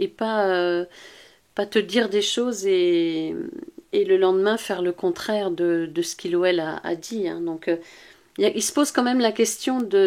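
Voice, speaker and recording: Acting as an intuitive coach, a woman gives an informal relationship guidance reading straight to the listener, halting, repetitive and reassuring as she searches for words. Her voice is medium in pitch and a little mellow.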